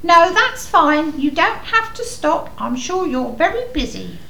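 A woman's voice: extremely high pitch, big pitch swings, a little slow, gravelly, pushed and bright, echoey room, exaggerated voice, poor audio. A woman playing a cheerful old woman who is hard of hearing and mishears everything, in a comic radio play. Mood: doddery. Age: older. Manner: mishears everything, sweet and chatty. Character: deaf old woman Mother Hubbard, cheerful and muddled.

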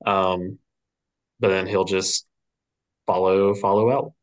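A man's voice: low-pitched, little pitch movement, slow pace. A man player casually narrating what his character does in a tabletop game. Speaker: tabletop role-play player.

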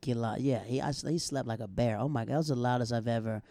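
An American man in casual chat, telling animated stories and acting out the people he quotes. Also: medium pitch, fast, vocal fry, no room sound, studio quality. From United States. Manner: animated storyteller who acts out quoted dialogue.

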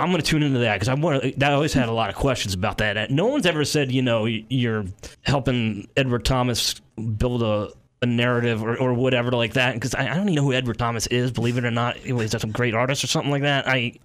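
A man's voice: medium pitch, a little fast. A man hosting a local talk show, blunt and opinionated, rambling through his points. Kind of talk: casual talk radio chat.

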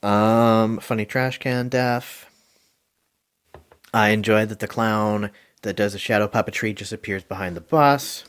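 A man's voice: on the low side, fairly even intonation, unhurried, smooth. A man hosting a casual podcast movie review, rambling and hesitant with lots of ums and likes, chuckling now and then.

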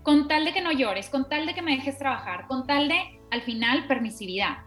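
A woman talks through parenting ideas in a casual, steady way, piling up example after example. Her voice sits a little high. Soft music plays faintly underneath. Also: moderate pace. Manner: explains steadily with many examples. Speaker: parenting podcast co-host. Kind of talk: casual explanatory chat.

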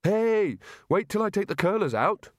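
A man's voice: on the high side, sing-song, measured pace, no room sound, studio quality, voice pushed up. A man voicing a nervous, cowardly adult wizard who hesitates and stammers. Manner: anxious, hesitant, stammering fillers.

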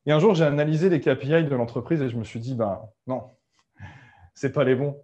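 A man giving a casual, conversational talk on starting a business, full of fillers and quick self-corrections. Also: medium pitch, mellow, highs cut off. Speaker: entrepreneurship coach. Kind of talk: casual explanatory talk to camera.

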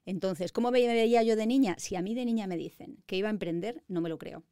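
Female guest, 50s, Madrid Spanish accent, self-assured storyteller, smooth and dry. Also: medium pitch, quick pace, dark tone, no echo. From Spain. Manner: confident, articulate storytelling. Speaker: guest, lawyer. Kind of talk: interview conversation.

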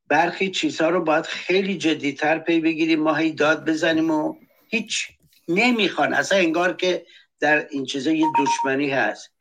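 A man's voice: fairly high pitch, a bit bright. A man speaking on a political talk show, reading testimonies aloud and denouncing with anger. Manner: impassioned, reads testimonies aloud; angry, denouncing. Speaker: panelist.

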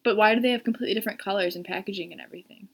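A young woman in her twenties, co-hosting a casual podcast chat and asking quick, playful questions. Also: mid-range voice, creaky, husky. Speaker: podcast co-host.

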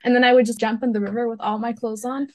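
A woman's voice: a little high, flat delivery, fast. A woman from Ecuador, a food blogger, telling chatty stories from her childhood as an interview guest. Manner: chatty storyteller, laughs while telling. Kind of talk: casual interview chat.

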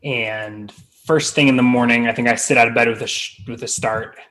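Medium-pitched man playing a tabletop game. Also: fairly even intonation, fairly quick, a bit bright. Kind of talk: casual tabletop role-play chat.

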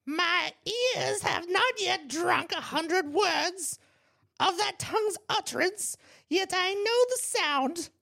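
A woman's voice: very high-pitched, slow pace, gravelly, sharp tone, voice pushed up, exaggerated voice. A woman reading a young heroine's lines in classical verse while doing the voice of an old hag, theatrical and giggly. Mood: shrill, hammy. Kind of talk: comic script read-aloud.

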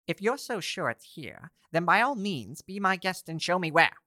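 A man voicing a fussy female dragon head of a chimera, exasperated and sharp-tongued. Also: mid-range voice, normal speed, no room sound, studio quality.

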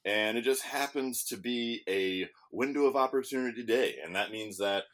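A man's voice: mid-range voice, moderate pace, fairly bright tone. A man hosting a podcast in casual chat, rambling and swearing as he restarts his sentences. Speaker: podcast host. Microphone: studio microphone.

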